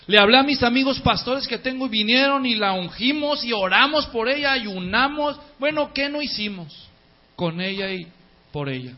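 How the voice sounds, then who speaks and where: Male pastor, high-pitched, emphatic sermon delivery, dull lo-fi sound. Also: animated, normal speed. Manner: emphatic, repeats key words in lists, swings from loud to soft.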